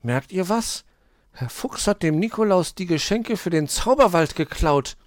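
A man voicing an eager little male hedgehog who plays detective in a storybook, insistent and excited. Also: high-pitched, a little slow, no echo, studio quality, pitched above the performer's own voice. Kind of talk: storybook read-aloud.

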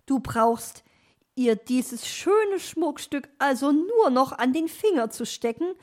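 Storybook magpie lady, put on by a woman reader: high, shrill, loud, slow and chatty, bossy and teasing. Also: lively intonation.

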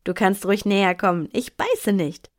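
A woman's voice: mid-range voice, normal speed, close to an everyday voice. A woman voicing a friendly male snow penguin who smiles as he talks, in a storybook reading. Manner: warm, welcoming.

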